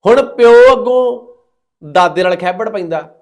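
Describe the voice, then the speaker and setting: A man's voice: high voice, moderate pace. A man telling a true story in a moralizing, scornful way, acting out other people's words. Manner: moralizing, scornful, quotes others in their voices. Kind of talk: dramatic storytelling.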